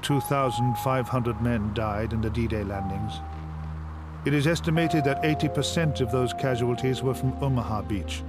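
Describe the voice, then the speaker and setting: A man's voice: mid-range voice, normal speed, loud music behind the voice. A man reading scripted narration as a documentary narrator.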